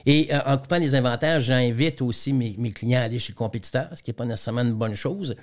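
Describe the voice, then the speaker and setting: A fast-paced, medium-pitched male voice belongs to a trainer and speaker from Quebec, who has a Quebec French accent. As a radio guest he explains business examples, frequently repeating words mid-thought.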